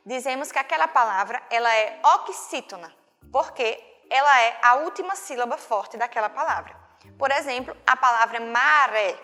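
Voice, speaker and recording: A woman teaching a video lesson to young children, with a Brazilian Portuguese accent, patient and slow, often checking in with the class. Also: sits high, a bit bright. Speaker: primary school teacher. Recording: long hall reverb, faint music.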